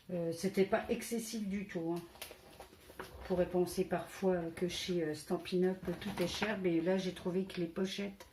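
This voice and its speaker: A woman's voice: fairly low pitch, noisy background. A woman from France presenting a casual scrapbooking haul, hesitant and full of fillers, counting items aloud as she shows them. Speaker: scrapbooking vlogger.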